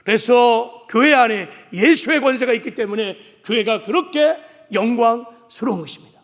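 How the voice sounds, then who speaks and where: Man, senior pastor, high voice, repetitive emphatic sermon, long hall reverb. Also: animated, normal speed. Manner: emphatic, repetitive preaching that builds to shouts. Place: church sanctuary.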